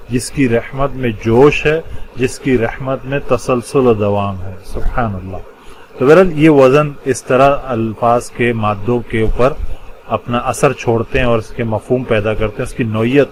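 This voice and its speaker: A man teaching a Quran lesson, in a voice of middle pitch. He explains slowly and carefully, pausing between phrases and stressing key terms. Faint background noise sits under the recording. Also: poor audio. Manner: explains patiently with pauses, stresses key words. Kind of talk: religious lesson explaining Arabic word patterns.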